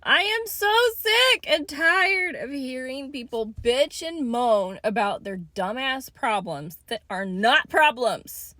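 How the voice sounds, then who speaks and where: A woman's voice: high voice, lively intonation, takes it slowly, few pauses, sharp tone, dry recording. A middle-aged woman in a blunt, swearing tough-love rant to her viewers, often asking "okay?" between points. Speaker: vlogger. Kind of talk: ranting monologue to camera.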